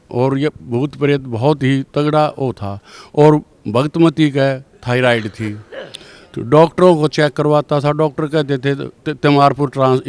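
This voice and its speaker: A man's voice: mid-range voice, a little mellow, smooth, no room sound. An older man tells a personal testimony story in a rambling way, with many restarts. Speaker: devotee giving testimony.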